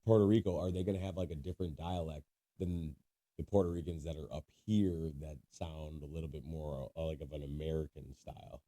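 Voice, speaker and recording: His voice is very deep and dark, brisk and fairly even in intonation. He's a co-host on a casual podcast, teasing his friend, often laughing and going into lengthy explanations during the chat.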